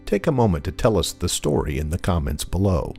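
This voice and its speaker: A man reading scripted, wry commentary as a video host, deadpan and mock-serious. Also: low-pitched, fairly quick. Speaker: narrator and host of a video compilation channel. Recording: voice-over with music behind.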